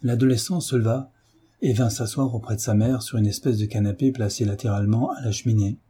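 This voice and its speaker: A man narrating a classic novel in a measured, even storytelling manner. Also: mid-range voice, slightly rough. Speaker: audiobook narrator. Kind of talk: literary audiobook narration.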